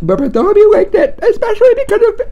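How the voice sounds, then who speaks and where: A man's voice: very high voice, huge pitch swings, fast, highs cut off, slight background noise. Young man in pain, mouth burning from spicy food. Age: young adult. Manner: pained, distressed, dramatic. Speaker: vlogger doing a spicy chip challenge. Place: bedroom, indoors.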